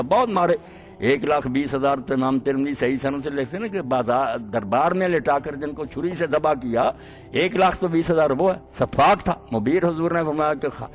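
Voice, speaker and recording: A man preaching a sermon, impassioned and swinging between quiet and loud delivery. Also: medium pitch.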